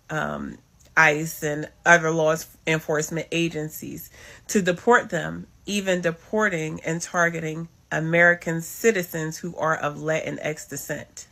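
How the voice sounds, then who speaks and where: Gravelly-voiced woman giving emphatic commentary. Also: sits low, level tone, measured pace, fairly bright tone. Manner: emphatic, repeats phrases. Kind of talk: political commentary.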